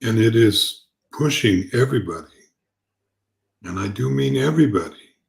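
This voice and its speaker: Speaking off the cuff as a spiritual teacher, this man has a medium-pitched, gravelly voice. His delivery is gentle, calm and reflective, with halting pauses and repeated words.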